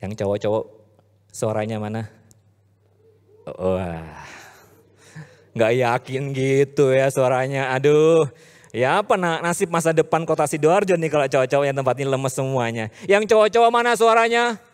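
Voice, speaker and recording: A man with an Indonesian accent preaching a casual youth sermon, swinging from loud hype to low, earnest talk. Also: moderate pace, pauses often, clear, resonant tone. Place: church hall. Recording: reverberant church hall.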